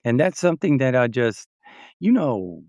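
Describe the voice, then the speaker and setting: A man's voice: mid-range voice, very animated, moderate pace, a little mellow, dry recording. A man, a teacher of independent living skills, talking as a guest in an easygoing, self-deprecating way. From Austin area. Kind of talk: casual chat.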